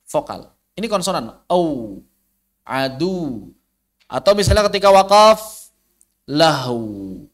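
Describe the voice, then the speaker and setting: A man's voice: fairly high pitch, a bit bright. A man with an Indonesian accent teaching tajwid online, patiently demonstrating how letter sounds are pronounced.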